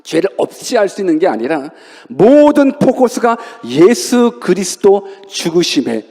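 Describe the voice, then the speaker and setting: A man's voice: sits high, sing-song, measured pace, dark tone. A male pastor preaching a sermon in a church. He acts out quotes and asks rhetorical questions. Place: church sanctuary. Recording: long church reverb.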